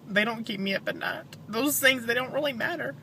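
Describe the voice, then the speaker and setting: A woman speaking in a halting, downcast, grieving way, as in a personal confessional vlog. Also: fairly high pitch, sharp tone, a little hiss or hum. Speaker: vlogger, bereaved mother.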